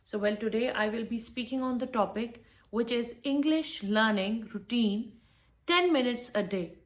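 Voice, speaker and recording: A woman's voice: fairly high pitch, moderate pace. Firm, instructive woman teaching English. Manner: firm, instructive, repeats key points. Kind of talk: spoken lesson to camera.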